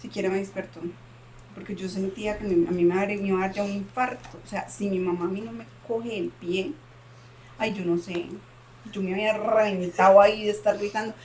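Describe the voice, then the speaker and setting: Animated woman telling a story. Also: medium pitch, brisk, slight background noise. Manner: dramatic, animated retelling with repeated phrases. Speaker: podcast co-host. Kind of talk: casual storytelling.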